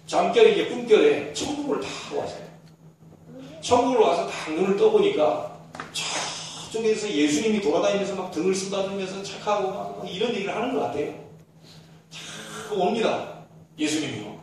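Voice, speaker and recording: A male pastor preaching a Sunday sermon with a fairly high voice, telling a story with animated swings. His voice booms around a large, reverberant sanctuary. It is caught by a distant mic over faint room hum. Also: normal speed. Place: church sanctuary. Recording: echoey church hall, distant mic.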